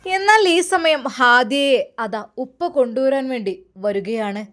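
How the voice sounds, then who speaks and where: A woman's voice: high-pitched, very animated, unhurried, fairly bright tone. Woman narrating a story with emphasis.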